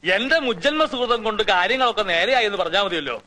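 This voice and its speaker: A man's voice: high-pitched, animated, fast talker, pushed and bright. An actor playing a blustering, superstitious old uncle who scolds his nephew in a 1990s film drama. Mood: boastful. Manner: scolding, boastful.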